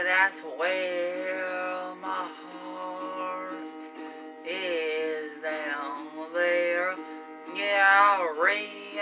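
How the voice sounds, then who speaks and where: A man's voice: high voice, poor audio. A young man from Georgia with a Southern accent, singing his own song on acoustic guitar in a small bedroom, talking in a loose, rambling way. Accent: Southern American. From Georgia, USA. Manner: rambling, loose folksy delivery. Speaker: amateur singer-songwriter.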